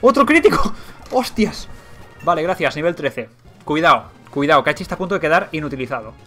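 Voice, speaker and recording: Excitable young man with a Spain Spanish accent. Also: fairly high pitch, quick pace, faint music behind. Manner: excitable, swearing, thinking aloud. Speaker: let's play gamer. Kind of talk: live game commentary.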